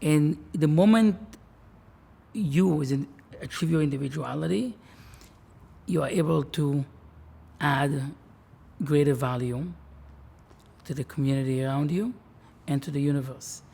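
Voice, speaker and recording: A man's voice: fairly high pitch, vocal fry, warm tone, breathy edge. A man, a rabbi talking earnestly and reflectively in an interview. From Israel. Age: 40s. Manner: earnest, measured, with restarts.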